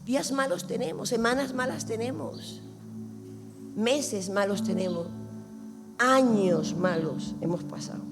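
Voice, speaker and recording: A woman, preaching an emphatic sermon that swings between loud and hushed and acts out little dialogues. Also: on the high side, a little slow. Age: 60s. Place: church hall. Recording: long church reverb with music behind.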